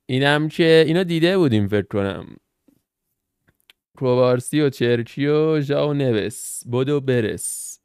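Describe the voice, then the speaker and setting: A young man gives casual, slangy commentary on a football game, reacting to cards as he opens them. His voice is gravelly yet smooth, and the sound is dry and close to the mic. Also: mid-range voice, a little mellow, no echo. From Iran. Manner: chatty, slangy, thinks aloud while reacting to game cards. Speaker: gaming channel host.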